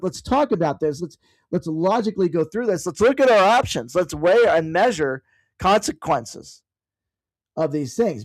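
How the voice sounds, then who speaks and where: At home, a man hosts a casual learning session for an online audience, thinking aloud as he searches online and drifting into "by the way" asides. His voice sits high. The recording is rough, with no echo.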